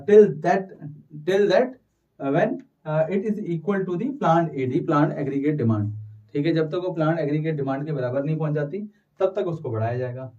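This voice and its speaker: A man teaching an online economics class, urging students to answer fast and mixing Hindi with English terms. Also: on the high side, darkish tone, far from the mic, highs cut off. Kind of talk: live online class lecture.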